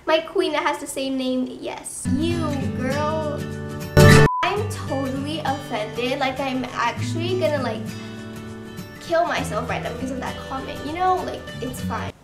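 A woman's voice: sits high, unhurried, distant mic. A young woman chatting casually in a vlog, sarcastic and mock-offended as she calls out trolls. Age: young adult. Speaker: YouTuber reacting to hate comments. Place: bedroom, indoors. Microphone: camera mic at a distance. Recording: roomy, off-mic, music behind.

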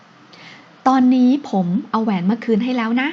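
A sly, affectionate young husband coaxes and teases in an audio novel, as a woman reader puts him on. The voice is breathy and slightly husky. The recording sounds dull and lo-fi. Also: on the high side, normal speed. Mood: teasing, coaxing. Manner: coaxing, teasing.

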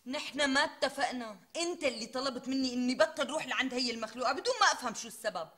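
An actress playing a sharp-tongued, defiant wife with a Damascene Syrian accent, who answers back in curt, dismissive retorts. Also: female voice, sits high, racing, echoey room. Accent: Damascene Syrian Arabic.

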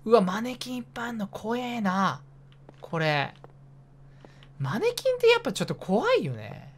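A man whose voice sits high and sounds very animated offers casual commentary on a horror game he's streaming. Easily startled, he yelps and rattles off rapid exclamations between chatty self-talk about his moves.

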